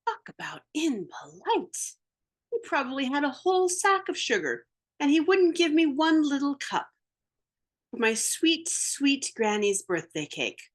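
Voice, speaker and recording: A woman reads a picture book aloud with a high, bright-toned voice that leaps around expressively. She tells the tale as the wolf in first person, playful and theatrical, stretching words and adding sneezes and doorbell sounds. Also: very animated, a little slow. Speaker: storybook reader.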